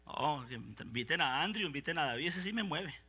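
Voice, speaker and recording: A man preaching a Pentecostal sermon in a church, moving between quiet asides and shouted, fervent passages while acting out voices. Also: fairly high pitch, expressive, a little fast, breathy edge. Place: church sanctuary.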